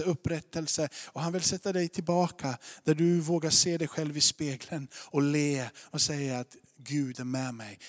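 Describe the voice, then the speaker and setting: A man preaching a sermon in an earnest, repetitive style, building emphasis through his lines. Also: fairly high pitch. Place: church. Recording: long church reverb.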